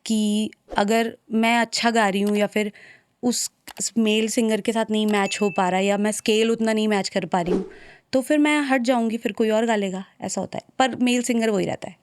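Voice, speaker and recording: A young woman from Uttarakhand, a singer, talking softly and a little hesitantly as an interview guest. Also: mid-range voice, fairly even intonation, normal speed, slight background noise. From Uttarakhand, India. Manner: soft-spoken, shy, hesitant. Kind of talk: casual interview conversation.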